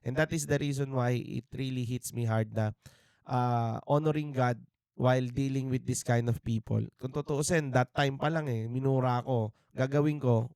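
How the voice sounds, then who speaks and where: This man's medium-pitched voice is gravelly yet smooth and a little mellow, with fairly even intonation at a normal pace. He's a Filipino podcast co-host in his thirties giving an earnest, reflective faith testimony in Tagalog and English, full of restarts and fillers. The indoor studio sound is dry and clean.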